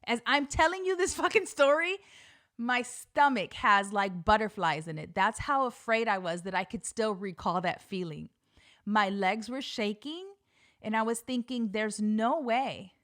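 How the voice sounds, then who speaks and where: A woman's voice: on the high side, expressive, moderate pace, fairly bright tone. A middle-aged woman hosting a podcast, telling a story casually and animatedly, often laughing and swearing. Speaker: podcast host.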